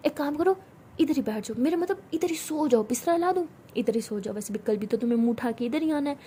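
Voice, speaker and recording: A feisty young college woman with a high, mellow voice, as a female storyteller puts her on. She taunts and mocks in quick, sharp-tongued comebacks. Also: expressive, slight background noise. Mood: taunting. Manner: mocking, taunting retorts.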